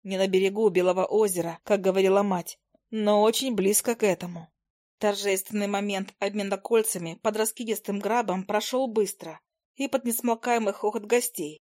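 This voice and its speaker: A woman narrating a first-person fantasy story as an audiobook, lively storytelling. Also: medium pitch, moderate pace, dry recording, studio quality.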